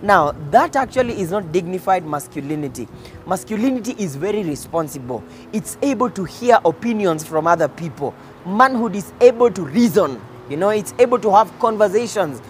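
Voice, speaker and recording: A man's voice: high-pitched, animated, brisk. Kenyan guy doing a preachy motivational talk, mixes in swahili slang, bit of outdoor traffic noise. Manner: code-switches between English and Swahili slang. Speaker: host addressing men on faith and life.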